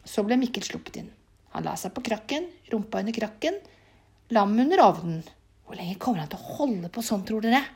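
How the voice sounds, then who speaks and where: A woman's voice: mid-range voice, lively intonation, a little mellow, breathy edge. A woman reading a folk tale aloud in a casual way, with chatty asides to her listeners and some whispered passages. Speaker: storyteller.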